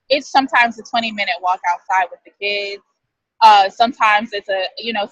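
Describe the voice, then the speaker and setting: A woman's voice: mid-range voice, a bit bright, no echo, dull audio. A woman in her thirties talking as an interview guest, chatty and thoughtful, often correcting herself mid-sentence. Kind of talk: casual interview talk.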